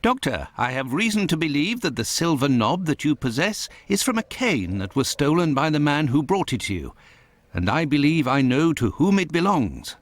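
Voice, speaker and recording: Doctor Watson, courteous and expressively lilting. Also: male voice, on the high side, very animated, moderate pace, no room sound. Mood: inquiring. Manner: polite, formal, inquisitive. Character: courteous, proper Victorian gentleman doctor turned investigator. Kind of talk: video game voice acting.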